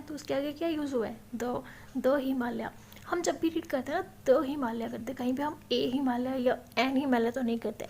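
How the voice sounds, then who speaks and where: A woman's voice: high-pitched, a little mellow, a little hiss or hum. A woman teaching English grammar, explaining in a classroom style and asking and answering her own questions.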